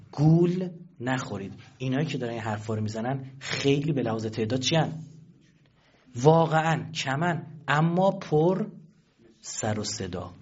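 Emphatic man with a husky voice. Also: mid-range voice, dull audio. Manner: emphatic, asks the audience rhetorical questions. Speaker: speaker addressing an audience. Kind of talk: colloquial political talk.

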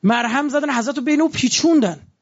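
A man's voice: very high-pitched, dull audio. A man preaching a religious sermon in a conversational way, asking his listeners rhetorical questions.

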